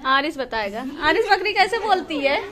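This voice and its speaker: A woman's voice: sits high, big pitch swings, normal speed, a crowd in the background. A woman tutoring small children at home, coaxing them with playful questions. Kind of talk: teaching young children at home.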